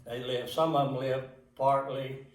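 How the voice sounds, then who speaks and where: An older man from the mountains of southwest Virginia with an Appalachian accent, reminiscing casually in a halting, plain-spoken, folksy way as he is interviewed. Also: medium pitch, level tone. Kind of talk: casual oral history reminiscence. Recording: echoey room, distant microphone.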